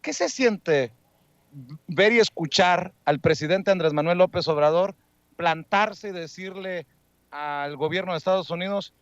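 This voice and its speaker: Un hombre mexicano que hace de reportero callejero, entrevista a la gente con tono cordial y bromista. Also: male voice, sits high, unhurried, a bit bright, no echo. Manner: friendly, joking, coaxing. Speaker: street reporter. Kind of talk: street interview. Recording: dull lo-fi dry sound.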